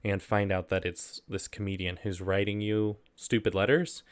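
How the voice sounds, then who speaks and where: A man casually hosts a video, reading humorous letters aloud and frequently giggling or breaking into laughter. His voice is lowish and steady, at a normal speed.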